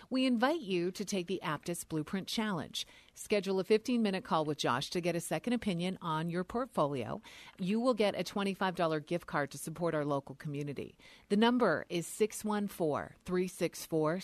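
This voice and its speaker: Woman, lowish voice, dry sound, radio co-host, clear measured promo reading. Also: dry recording. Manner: clear, measured delivery, slowing to repeat phone numbers.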